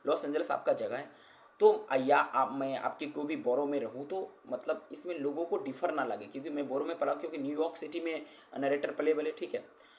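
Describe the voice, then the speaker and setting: A male teacher who explains an English book line by line, reading the English passages slowly before explaining them. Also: fairly high pitch.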